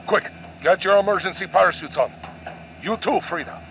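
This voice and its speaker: In a radio play, a man voices a brave, devoted father who is also a pilot, sounding earnest, dramatic and tender. His tone is slightly bright and his pace moderate, with a tender yet resolute mood. The audio drama recording is muffled, with a faint vehicle rumble underneath.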